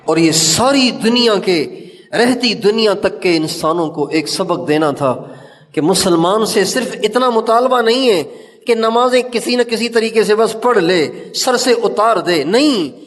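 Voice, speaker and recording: A man preaching an Urdu sermon with a Pakistani accent, telling a story with passion, rising to emphatic questions and chanting scripture verses. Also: high-pitched. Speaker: Islamic preacher. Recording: long reverb of a large hall.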